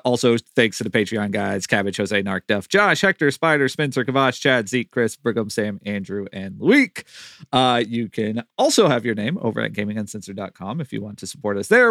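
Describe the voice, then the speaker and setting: A man's voice: mid-range voice, gravelly, a bit bright, dry recording. Amused male podcast co-host, dry close sound. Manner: rambling, amused. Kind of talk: casual chat.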